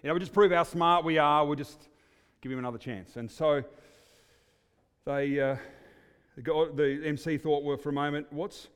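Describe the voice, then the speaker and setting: A man's voice: on the high side, steady tone, moderate pace, pauses often, smooth. A man preaching at a church service, chatty and hesitant with many fillers, his voice ringing with a long church reverb like a cathedral. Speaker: guest preacher. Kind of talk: sermon with storytelling.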